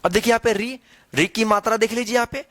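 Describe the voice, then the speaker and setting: A man's voice: high voice, fast, a bit bright. A man teaching a writing lesson, patiently explaining each vowel sign and often checking in with his students. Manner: patient, repetitive, checks in with "theek hai na". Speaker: Hindi teacher. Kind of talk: whiteboard lesson explaining Hindi vowel signs.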